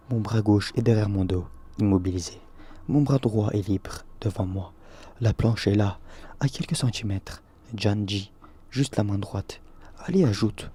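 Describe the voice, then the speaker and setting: A man tells a first-person horror story meant for bedtime, in short, plain, even sentences. His voice is low and dark, with a husky, slightly breathy grain.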